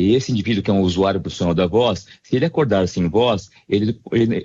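Um médico otorrinolaringologista com sotaque brasileiro, explicando com calma e hesitações numa entrevista de rádio. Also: male voice, on the low side, husky, highs cut off. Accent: Brazilian Portuguese. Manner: measured, explanatory, with frequent hesitations. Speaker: ear, nose and throat doctor, voice specialist. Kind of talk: explanatory radio interview answers.

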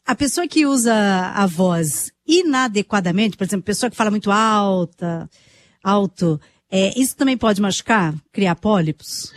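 Apresentadora brasileira de rádio. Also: female voice, medium pitch, expressive, normal speed. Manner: brief prompts and follow-up questions. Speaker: radio interviewer. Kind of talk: radio interview.

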